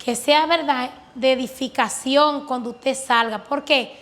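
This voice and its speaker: A woman's voice: sits high, unhurried, fairly bright tone. A woman earnestly telling her religious testimony as a guest, recounting prayers and answers with fervent conviction. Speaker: guest giving a faith testimony.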